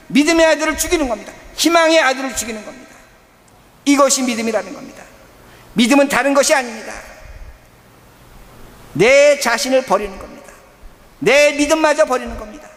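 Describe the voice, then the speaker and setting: A man's voice: very high-pitched, a bit bright. A man preaching a sermon as pastor of a church, in emphatic, repetitive declarative sentences. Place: church sanctuary. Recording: long hall reverb.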